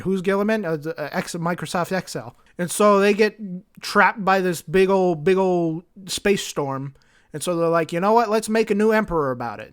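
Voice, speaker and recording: Flippant, rambling higher-voiced man. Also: clear, resonant tone. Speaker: lore video creator. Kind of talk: comedic lore summary.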